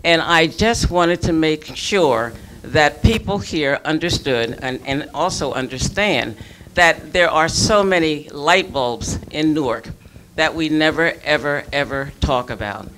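A woman's voice: low voice, measured pace, a bit bright, a little hiss or hum, low-quality recording. A woman in the audience makes an earnest, emphatic comment to a panel.

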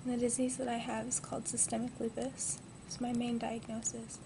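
A young woman of twenty speaks in a groggy, subdued way, slightly high-pitched with a creaky edge. Her delivery stays flat, like someone chatting casually to a vlog camera from bed. The amateur webcam audio has clear noise. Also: brisk. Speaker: vlogger. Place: lying in a hospital bed indoors. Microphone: built-in device mic at close range.

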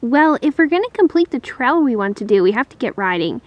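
A woman's voice: on the high side, very animated, brisk, no room sound, dull audio, voice pushed down. A woman playing a bossy, sarcastic girl in a toy role-play story, speaking in a dry, exasperated manner.

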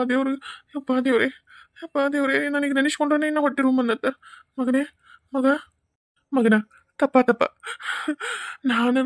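An enraged father with a North Karnataka accent, put on by a woman, rattling off his scolding at speed. The voice sits at a middling pitch and is recorded dry and close. He is a cartoon dad, fiercely protective of his son. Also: darkish tone, no room sound, lightly acted. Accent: North Karnataka Kannada. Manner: scolding, fast and heated. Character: angry protective father, grown man.

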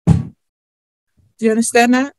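A middle-aged woman presiding as judge over a court hearing on a video call, formal and firm, speaking haltingly. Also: fairly high pitch, little pitch movement, darkish tone, no room sound.

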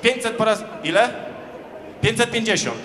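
A man's voice: sits high, normal speed. A man working as an auctioneer, calling bids in a repetitive chant over a hall PA. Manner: auctioneer's chant, repeated bid calls. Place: large indoor sports hall, on stage. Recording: echoey hall PA with crowd noise.

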